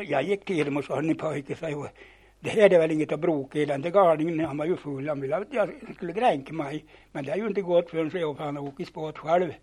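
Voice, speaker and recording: An older man with a husky, slightly high voice spins old yarns, switching into the voices of the people in his stories. He stumbles over words and starts sentences again as he talks. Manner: animated yarn-spinning, acting out dialogue, repeats and restarts words. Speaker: storyteller. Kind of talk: spoken reminiscence, telling old anecdotes.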